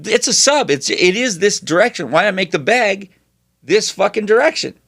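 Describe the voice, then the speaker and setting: A man co-hosting a podcast in casual chat, telling profane, animated stories. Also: high-pitched, normal speed, vocal fry, dry recording, clean studio sound. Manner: profane, animated storytelling with mocking put-on voices. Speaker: podcast co-host.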